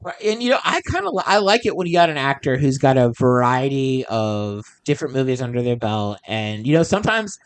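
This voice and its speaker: A man's voice: medium pitch, big pitch swings, fairly quick, few pauses, clean tone, no room sound. A man hosting a podcast in casual chat, meandering as he thinks aloud. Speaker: podcast host.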